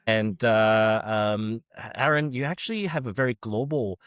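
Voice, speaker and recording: A man hosting a casual interview podcast, friendly and halting, with lots of uh fillers and restarts. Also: on the low side, a bit bright, clear, resonant tone, dry recording, studio quality. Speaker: podcast host, fund founder.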